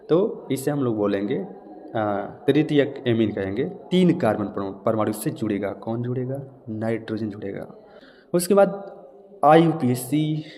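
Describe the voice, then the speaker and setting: A man's voice: medium pitch, warm tone. A man teaching a chemistry class, explaining step by step and often checking that students follow. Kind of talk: classroom lecture. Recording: long reverb, faint room noise.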